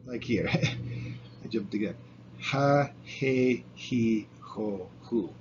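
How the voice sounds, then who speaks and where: A man teaching a language pronunciation lesson, patiently sounding out syllables and asking the listener to repeat. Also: fairly low pitch. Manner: patient, repeats syllables slowly, chuckles at own slips. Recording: dull lo-fi sound, faint room noise.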